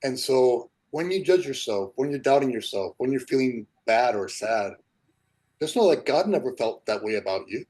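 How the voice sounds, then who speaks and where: A man leading an online spiritual class, speaking gently and encouragingly, repeating his points, over a video call. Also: mid-range voice, animated, moderate pace, rough recording. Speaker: spiritual teacher.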